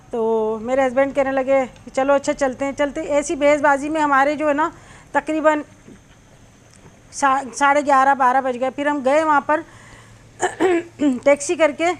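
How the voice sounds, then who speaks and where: High-voiced chatty woman telling a story. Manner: rambling, many "है ना" fillers. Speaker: cooking channel host. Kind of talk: chatty storytelling while cooking.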